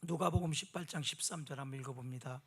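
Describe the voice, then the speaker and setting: A man's voice: medium pitch, quick pace, husky. A male pastor giving a conversational sermon, asking the congregation questions.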